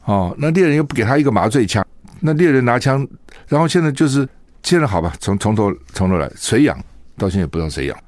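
Animated, fast-talking male commentator. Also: medium pitch, no room sound. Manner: opinionated, full of rhetorical questions. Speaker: radio show host. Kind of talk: solo news commentary.

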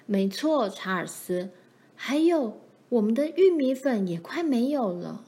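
A woman's voice: fairly high pitch, very animated, unhurried, dark tone. A woman voicing a frontier mother who sounds anxious and practical.

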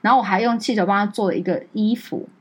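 A young woman co-hosting a podcast, chatting casually and telling a personal story with animated acted-out dialogue. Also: mid-range voice, fast. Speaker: podcast co-host. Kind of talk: casual chat.

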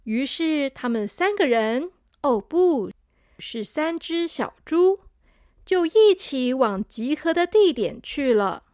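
A woman with a high, lively voice reading a children's story aloud. She speaks gently and unhurriedly to young listeners. The recording is dry and close. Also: slow, no room sound.

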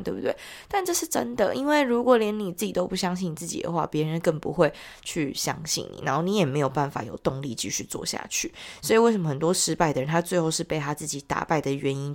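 A woman with a Taiwanese accent and a nasal, congested voice from a heavy cold, chatting casually as the host of a solo audio diary. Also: low voice. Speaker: podcast host, entrepreneur.

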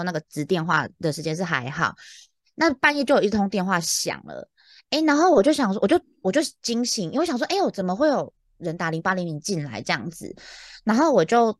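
A woman's voice: on the low side, no room sound, clean studio sound. A young woman telling a story in casual podcast chat, laughing and acting out the dialogue she retells. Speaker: podcast co-host.

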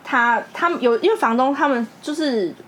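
A woman's voice: high-pitched, moderate pace, slight background noise. A woman with a Taiwanese Mandarin accent, telling a story animatedly in a casual podcast chat and laughing often. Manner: animated, laughing storyteller, acts out quoted voices. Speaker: podcast co-host.

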